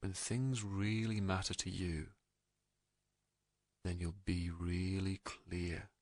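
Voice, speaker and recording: A deep-voiced man leads a guided meditation in a soothing, gentle, calm way, with unhurried pauses separating soft phrases. No room sound can be heard.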